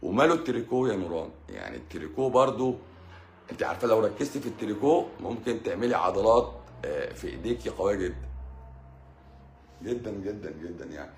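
A man's voice: lowish voice, big pitch swings, fast talker, roomy sound, slight background noise. A man with an Egyptian Arabic accent hosts a live stream as a doctor, answering viewer questions in a blunt, teasing, lecturing way.

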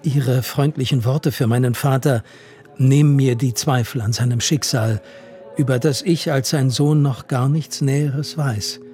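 A man's voice: medium pitch, steady tone, unhurried, warm tone, close to an everyday voice. A man voicing a polite, emotional young man home from abroad in a radio reading of a novel, with music underneath. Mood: moved. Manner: eager, courteous.

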